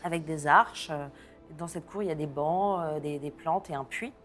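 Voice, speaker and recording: A woman narrating a tabletop role-playing game as game master. She describes each scene loosely, with frequent restarts and laughs, in a fairly low voice. Faint music plays underneath. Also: normal speed. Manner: descriptive, many fillers and restarts, laughs often.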